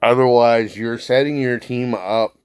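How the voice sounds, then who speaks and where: A man's voice: mid-range voice, steady tone, a little slow, clear, resonant tone, dry recording. A man giving casual, blunt, instructive commentary over his own gameplay as he walks through tactics. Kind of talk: casual mobile game walkthrough commentary.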